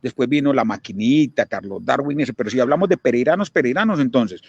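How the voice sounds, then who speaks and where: A Colombian man chatting casually as a guest sports commentator, animated and repeating phrases for emphasis. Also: medium pitch, fast, creaky, husky, no echo, muffled recording. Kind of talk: casual interview storytelling.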